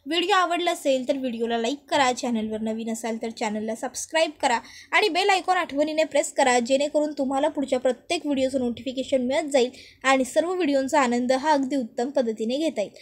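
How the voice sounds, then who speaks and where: A woman narrating a serial episode as a story in a steady, plain retelling. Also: high voice, fairly quick.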